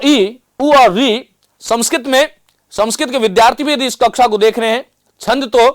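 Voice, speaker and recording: A male teacher with a strikingly high voice delivers a lecture, spelling out examples slowly and reminding his students again and again to take note. The sound is close and dry, without any room echo. He comes across as a seasoned middle-aged instructor. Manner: explains carefully, often repeats reminders and slowly demonstrates sounds. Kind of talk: classroom lecture.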